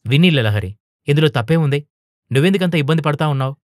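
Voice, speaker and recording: A man's voice: a little high, animated, fast talker, dry recording, studio quality, voice pushed up, natural voice. A man voicing an outspoken young woman teacher in an audio storybook, earnest and turning heated. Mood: indignant. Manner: earnest, rising to heated protest.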